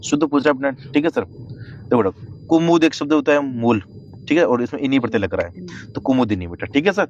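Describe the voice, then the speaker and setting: A Hindi-accented male teacher walks a class through spelling questions in a steady, mid-pitched voice. He calls the students "beta" over and over and keeps checking in with "thik hai sir". A faint background hum runs under the lesson. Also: brisk, dull audio.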